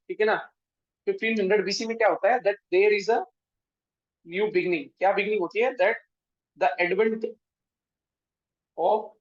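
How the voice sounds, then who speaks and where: A man with an Indian accent giving a history lecture for exam prep, switching between Hindi and English and often checking in with his students. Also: high-pitched. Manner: mixes Hindi and English, checks in with frequent tag questions. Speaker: history teacher. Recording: dull, dry lo-fi sound.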